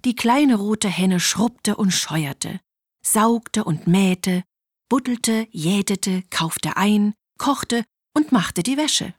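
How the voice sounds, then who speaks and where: Storyteller, woman, husky and unhurried, lively pitch, close and dry. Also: no room sound. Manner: animated, with hushed whispered asides. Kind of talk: children's storybook reading.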